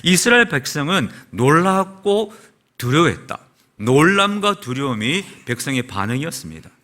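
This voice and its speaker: A male pastor preaching a sermon in a church, telling the story in an animated way. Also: fairly high pitch, normal speed. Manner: animated storytelling, acts out quoted shouts. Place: church sanctuary.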